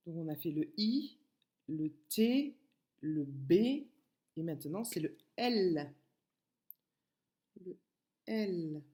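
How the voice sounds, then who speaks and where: A woman teacher giving a remote phonics lesson to a young child, slowly repeating and stretching letter sounds with patience. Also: fairly low pitch, lively intonation, mellow. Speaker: kindergarten teacher.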